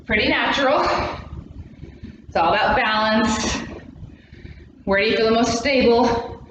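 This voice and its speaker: A woman aerobics instructor with a high voice calls out exercises, cues and countdowns with encouragement. She is heard from a distance in a very echoey room. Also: a little slow. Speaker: fitness class instructor. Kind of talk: aerobics instructor leading a workout, demonstrating and counting down. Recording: echoey room, distant mic, muffled, noisy.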